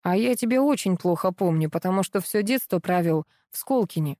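A woman voicing a calm, restrained adult son and husband in an audiobook reading. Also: fairly low pitch, brisk, no echo, clean studio sound, natural voice.

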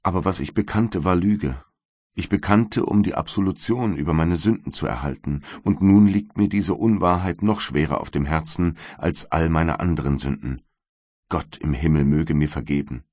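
Storybook: weeping condemned young maid, imploring and devout, as a male reader puts her on, deep voice. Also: moderate pace, darkish tone, no room sound, clean studio sound. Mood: despairing. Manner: tearful, imploring.

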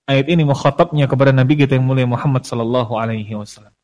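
A man teaching an Islamic lecture to students, explaining verses slowly and then acting out everyday quarrels between friends. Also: mid-range voice, darkish tone.

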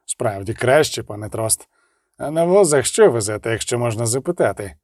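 A man's voice: medium pitch, expressive, moderate pace, a little mellow, no room sound, studio quality, pitched below the performer's own voice, close to an everyday voice. A man voicing a curt, commanding knight-mercenary leader who gives clipped, irritable orders.

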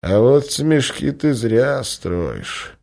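A man voicing an old, sickly male crime boss, sly and cruel, with a creaky voice and slow, weighty speech. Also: mid-range voice, expressive, a little mellow, pitched above the performer's own voice, lightly acted. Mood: commanding. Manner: slow, drawn-out authority.

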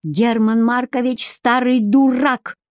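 A woman's voice: medium pitch, expressive, a little slow, darkish tone, no room sound. A woman reading as a weary, defiant young woman who speaks with cutting irony. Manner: ironic and cutting, flares into anger.

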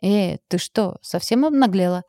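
A woman's voice: mid-range voice, expressive, moderate pace, dark tone, dry recording, studio quality, lightly acted. Woman voicing a sneering young werewolf man. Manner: sneering, snarling, insulting. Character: rude arrogant young male grey wolf shifter.

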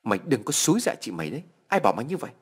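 Brief: male narrator as an irritated parent, sharp, scolding tone, wide swings in pitch. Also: wildly swooping pitch, rapid-fire, breathy edge. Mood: angry. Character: scolding middle-aged parent.

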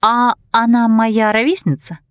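A woman's voice: on the high side, flat delivery, measured pace, no echo, studio quality, lightly acted. Woman doing curious young fairy girl, earnest, questioning.

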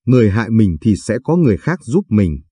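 A man narrating a first-person story in a somber, measured way. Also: fairly low pitch, sing-song, mellow, slightly rough, no room sound.

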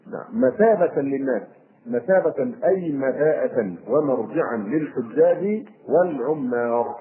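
A man with an Egyptian accent teaches a Quran commentary lesson in a mid-pitched voice. He halts on repeated syllables while he hunts for a word, then spells his point out slowly and deliberately. The recording is thin and tinny, like a phone line. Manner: halting, repeats words while searching, then slow deliberate explanation. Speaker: Islamic scholar.

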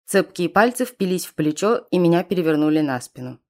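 A woman with a lowish voice narrates a first-person audiobook in a tense, dramatic way. Her delivery is steady and close. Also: brisk.

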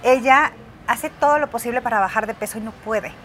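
A woman with a Mexican accent co-hosts a podcast, recommending films in a chatty, rambling way full of fillers and restarted sentences. Her voice is on the high side, fairly bright and a little fast, with slight background noise.

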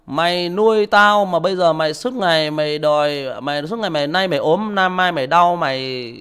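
A man shouting as a furious grown son. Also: fairly high pitch, a little fast, smooth, voice pushed up, lightly acted. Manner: shouting, insulting, contemptuous. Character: angry grown son cursing his father.

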